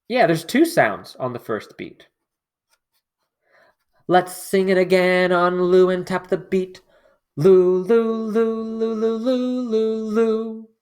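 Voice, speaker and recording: A man teaching an online music lesson, explaining patiently and singing rhythm syllables. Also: mid-range voice.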